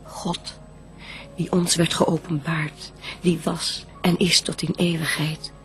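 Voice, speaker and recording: An actress playing Eve, a devout and gentle bride, reciting solemn verse with measured reverence in a radio play. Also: female voice, low-pitched, level tone, faint music behind. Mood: reverent.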